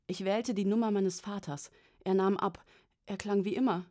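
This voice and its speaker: A woman narrating a first-person story as an audiobook, in an even, measured way. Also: mid-range voice.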